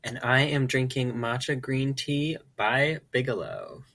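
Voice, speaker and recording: A man co-hosting a podcast, with a voice of ordinary middle pitch. He talks earnestly and sometimes slips into a lecturing tone. His delivery stays casual and unhurried. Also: fairly bright tone. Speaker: podcast co-host.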